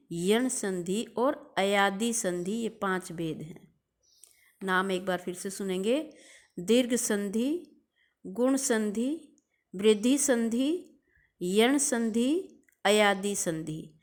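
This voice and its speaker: A woman's voice: medium pitch, takes it slowly. A woman teacher giving a recorded grammar lesson, drawing out examples and repeating key terms.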